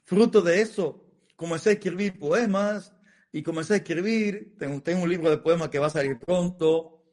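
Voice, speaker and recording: Earnest Dominican priest, slightly high voice. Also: male voice, moderate pace, darkish tone. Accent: Dominican Spanish. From Dominican Republic. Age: middle-aged. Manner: earnest, emotional storytelling with repetitions. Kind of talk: interview testimony.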